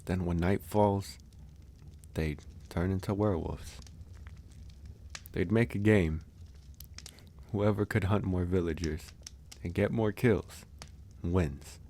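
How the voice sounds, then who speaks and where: In an intimate ASMR audio roleplay, a man voices a calm, candid, easygoing werewolf who muses and tells stories at an unhurried pace, with sighs and pauses. His voice sits low, and the performance is heavily acted.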